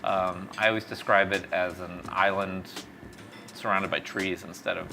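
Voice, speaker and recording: A middle-aged tech company founder from East Texas, born in Mexico, tells stories reflectively as an interview guest. His deep, gravelly voice is steady and at normal speed, with noisy background sound.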